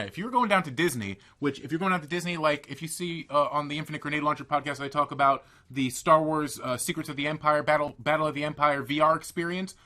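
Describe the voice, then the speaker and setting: Man, podcast co-host, rambling, animated, bright voice. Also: on the high side. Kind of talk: casual stoner movie review chat.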